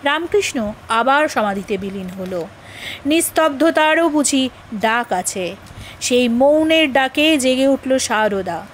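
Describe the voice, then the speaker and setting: A woman giving an expressive literary reading of a devotional biography in a measured voice. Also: high-pitched, slight background noise, low-quality recording. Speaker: reader.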